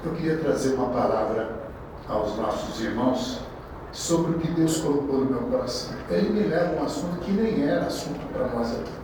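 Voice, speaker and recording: Brisk and expressive, this mid-range voice belongs to a man from Brazil in his sixties giving a sermon. He tells stories conversationally and frequently restarts phrases. The large hall echoes, the mic is distant, and background noise comes through.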